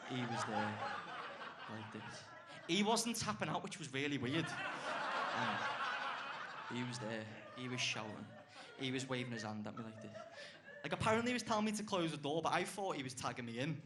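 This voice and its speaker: A man's voice: medium pitch, lively intonation, moderate pace, pauses often, heavy background noise. A young man doing a stand-up routine on a club stage, brash and swearing, chuckling at his own lines. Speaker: stand-up comedian.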